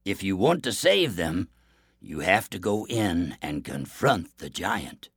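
Man playing a hungry sly wolf, slow and pleading, raspy gravelly voice. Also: low-pitched, very animated, a bit bright, no echo, clean studio sound, exaggerated voice. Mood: knowing. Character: starving, cunning wolf, male.

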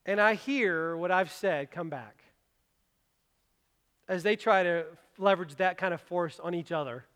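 Male pastor, sermon delivery, chatty but emphatic, personal asides; bright high voice, church hall echo. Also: unhurried. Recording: long reverb of a large hall.

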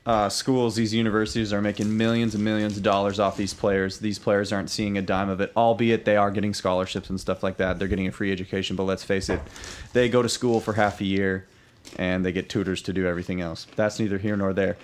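A man's voice: lowish voice, little pitch movement, fast, a little hiss or hum. A man co-hosting a talk show in casual chat, leaning on fillers as he makes his point. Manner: conversational, leans on fillers like "you know" and "like". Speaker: podcast co-host.

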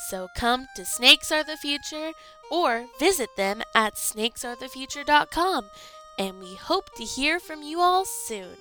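A woman puts on a peppy girl pitching a product in a mock radio advert. The voice is bright and a little high, and the sales patter is slow and upbeat. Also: animated, soft background music, full character voice. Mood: salesy. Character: peppy girl reading a silly ad.

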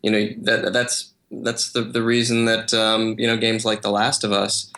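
A man, a guest voice actor, chatting in a podcast interview in a relaxed, hesitant way with many fillers. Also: lowish voice, moderate pace. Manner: relaxed, hesitant, lots of "you know" and "uh".

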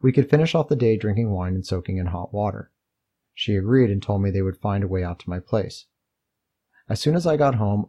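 Man, memoir reading, somewhat low voice, warm dark tone, steady measured narration. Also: slightly rough, highs cut off. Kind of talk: first-person memoir reading.

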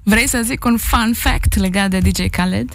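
A woman co-hosting a radio show, chatting in an easygoing, amused way. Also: mid-range voice. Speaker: radio co-host. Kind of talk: casual radio chat.

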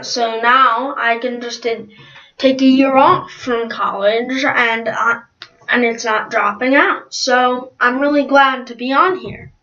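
A woman's voice: fairly high pitch, fairly even intonation, slow, bright, forceful tone. A woman voicing an eager young college student contestant who rambles with many fillers. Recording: dull lo-fi recording.

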